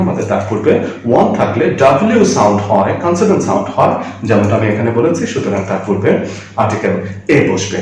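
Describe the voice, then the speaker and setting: A man explains English grammar with a lively, rising and falling voice. He repeats example words and answers his own questions. He speaks some way off the mic in a very echoey room. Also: on the low side, far from the mic. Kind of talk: classroom grammar lesson.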